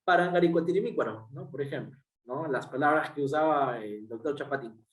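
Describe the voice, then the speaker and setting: A man's voice: a little high, brisk. A man with a Peruvian Spanish accent giving a workshop lecture, explaining step by step with frequent fillers and tag questions. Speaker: workshop speaker. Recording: roomy, distant mic.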